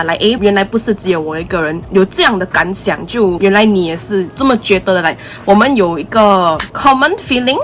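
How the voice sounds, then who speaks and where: A woman's voice: mid-range voice, fairly bright tone. A young Singaporean woman chatting casually in a vlog in Singlish, with lah and hor, switching between English and Mandarin. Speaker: vlogger.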